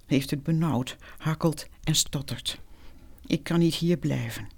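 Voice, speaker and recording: A meditation teacher telling a reflective first-person story in a calm, measured way, dropping to a whisper for quoted speech. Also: medium pitch, creaky, breathy edge.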